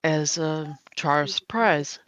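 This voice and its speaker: A woman narrating as game master, slow and unhurried with filler pauses. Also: deep voice, a bit bright, no echo. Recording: dull lo-fi stream mic.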